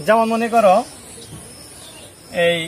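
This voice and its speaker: A man's voice: high-pitched, fairly even intonation, slow pace, a little hiss or hum. A man teaching English grammar to students, explaining rules step by step and often asking whether they have understood. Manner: checks understanding with repeated questions. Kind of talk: classroom lesson explaining at a board.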